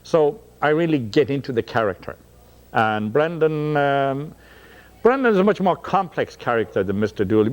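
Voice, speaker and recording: A middle-aged man with a Dublin Irish accent, an actor talking about his stage work in a relaxed interview. His voice sits at an ordinary middle pitch, and he keeps breaking off with uh and um as the stories roll on. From Ireland. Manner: chatty, anecdotal, with frequent um and uh restarts. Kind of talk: casual interview talk.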